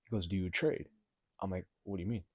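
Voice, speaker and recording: Young male podcast host, deep voice, dry room, loose rambling storyteller who swears, gets loud when shocked. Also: steady tone, fast, no echo. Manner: rambling, heavy filler words and profanity. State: recovering from sickness. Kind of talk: casual solo storytelling. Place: apartment building room.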